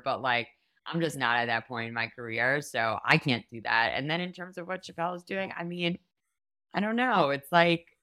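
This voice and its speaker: Young female comedian guest from New York, chatty and giggly, bright tone, close dry recording. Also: low voice, no room sound. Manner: chatty, giggly, lots of fillers and self-interruptions. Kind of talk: casual interview chat.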